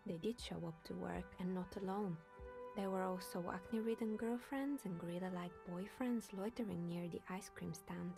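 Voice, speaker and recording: A woman's voice: lowish voice, normal speed, gravelly, mellow, faint music behind. A woman voicing a wry older woman in a video game who tells stories in a dry, sardonic, half-whispered way. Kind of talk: voiced game dialogue.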